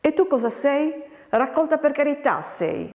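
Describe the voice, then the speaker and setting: A woman voicing a sullen young farm servant who shouts threats, recorded with a long reverb. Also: mid-range voice, steady tone, moderate pace, natural voice. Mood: taunting.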